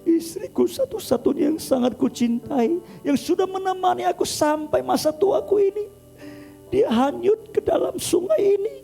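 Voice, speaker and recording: A man voicing a frail old grandfather who pleads and cries in a high, tearful voice, in a sermon story. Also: big pitch swings, moderate pace, soft background music, full character voice. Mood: grieving.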